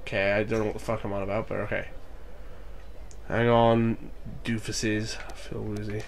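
A young man with a cold speaks in a lowish, gravelly, nasal voice at normal speed with little pitch movement, over a little hiss or hum. As a gaming YouTuber he casually commentates a wrestling game, joking, swearing, reading lines aloud and bursting into loud mock cheers.

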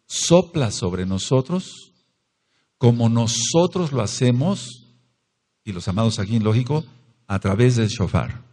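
A man's voice: medium pitch, a little mellow. A man with a Mexican Spanish accent preaching a sermon as pastor, emphatic, repeating phrases and asking the congregation questions. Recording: long hall reverb.

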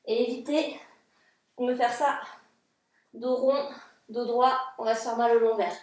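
A woman's voice: on the high side, fairly even intonation, a little slow, darkish tone. A woman in her thirties coaching a home workout, motivating with short commands and counts. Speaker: fitness coach. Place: living room, indoors. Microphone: distant camera microphone. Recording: echoey room, far from mic, music.

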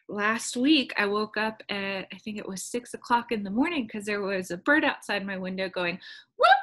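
A woman music teacher giving a patient lesson to her class, counting rhythms in syllables and often pausing with "um". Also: medium pitch, fairly bright tone. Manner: patient, with frequent ums.

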